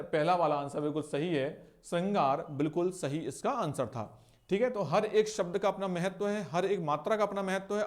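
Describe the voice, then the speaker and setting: A young man teaching an exam-prep lesson, explaining each answer and asking and answering his own questions. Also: high-pitched. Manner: repeats words slowly to show spelling and pronunciation.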